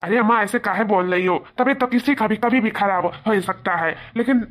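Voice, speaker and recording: A woman's voice: medium pitch, fairly quick, lightly acted. Woman playing a timid doting young husband. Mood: pleading. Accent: Bhojpuri-flavoured Hindi. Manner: soothing to his wife, stammers when scared. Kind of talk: cartoon voice acting.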